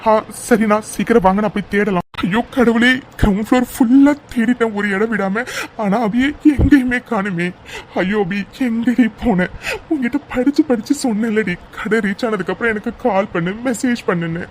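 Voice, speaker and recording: A man voicing a high-voiced frantic cartoon young man. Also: moderate pace, a little hiss or hum, lightly acted. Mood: desperate. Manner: pleading, repeats "aiyo". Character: worried young man searching for his sweetheart. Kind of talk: cartoon dub dialogue.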